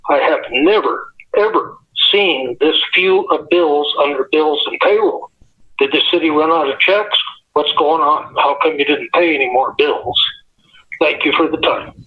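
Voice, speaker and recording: A man calling in to give blunt public comment at a council meeting, heard over a phone speaker. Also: fairly high pitch. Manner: blunt, complaining. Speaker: caller giving public comment. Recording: dull lo-fi phone line.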